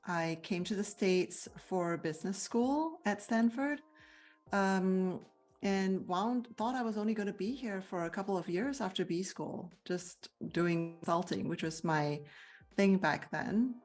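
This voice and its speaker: With soft background music, a Malaysian CEO coach responds to interview questions at an unhurried pace, her medium-pitched voice darkish in tone. Her personal answers are thoughtful and earnest, sprinkled with fillers and restarts.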